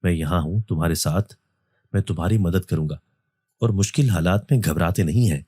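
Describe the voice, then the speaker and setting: A man doing a heavy-voiced gentle young jinn. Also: low-pitched, breathy edge, no room sound. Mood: reassuring. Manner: gentle, soothing. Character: mysterious young male jinn, calm and consoling.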